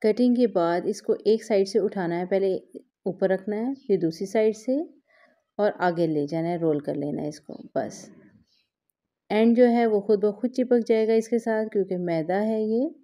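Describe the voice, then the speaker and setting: Her voice has a dark tone and a medium pitch, and she speaks at a normal speed. This cooking vlog host gives patient, step-by-step recipe instruction, explaining as she works with her hands at a home kitchen counter.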